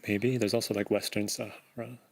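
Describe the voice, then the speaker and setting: Gravelly young male quiz contestant. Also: fairly low pitch, level tone, quick pace. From United States and Japan. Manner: casual, hesitant, fillers like "like". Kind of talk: quiz team conferring.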